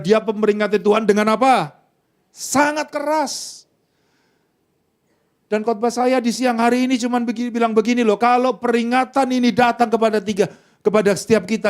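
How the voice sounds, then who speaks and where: A middle-aged man with an Indonesian accent preaching a sermon, swinging between loud calls to the congregation and quiet asides, acting out parents scolding children. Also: high voice, clear, resonant tone. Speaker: pastor.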